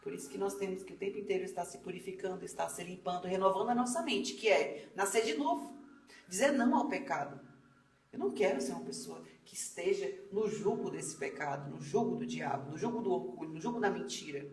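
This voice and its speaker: Female devotional teacher, lively storyteller, echoey room, distant mic. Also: fairly low pitch, fairly quick. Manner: storytelling, acts out quoted voices. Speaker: Bible study teacher. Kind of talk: casual devotional Bible teaching.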